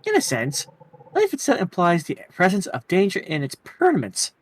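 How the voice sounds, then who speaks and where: A man's voice: sits high, wildly swooping pitch, moderate pace, slightly rough, full character voice, rough recording. A man voicing a solemn, godlike giant bird in a video game, speaking in stately, formal, philosophical phrases. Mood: calm, cryptic. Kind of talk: reading video game dialogue aloud.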